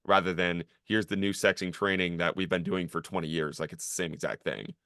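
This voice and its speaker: A young man hosts a casual podcast in a low voice, rambling with lots of fillers and swearing, and getting animated as he talks. His voice sits dry and close on the mic. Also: brisk, clear, resonant tone, no room sound. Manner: rambling, filler-heavy, profane, gets animated. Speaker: podcast host, former college strength coach.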